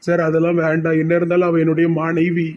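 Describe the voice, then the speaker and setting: Flat-toned man with a Tirunelveli accent. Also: a little high, quick pace, lo-fi sound. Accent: Tirunelveli Tamil. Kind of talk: animated village comedy dialogue.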